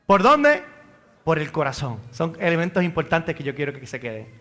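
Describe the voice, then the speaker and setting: A priest preaching a homily at Sunday Mass, with a high-pitched, bright, forceful voice. He asks his congregation questions and answers them himself. Now and then he turns to a parishioner by name. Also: quick pace. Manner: addresses parishioners by name, joking. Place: church during Mass.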